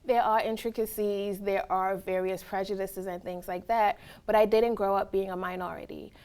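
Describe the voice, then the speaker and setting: A woman's voice: mid-range voice, fairly even intonation, normal speed, darkish tone, clear, resonant tone. A woman from Trinidad and Tobago giving reflective, earnest answers in a casual interview, often checking in with "right?". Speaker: interviewee, college staff.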